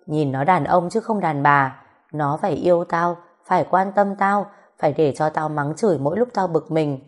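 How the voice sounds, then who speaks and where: A woman voicing a blunt, foul-mouthed grown woman who scolds roughly in a storybook reading. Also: low voice, moderate pace. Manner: rough, scolding, swears freely.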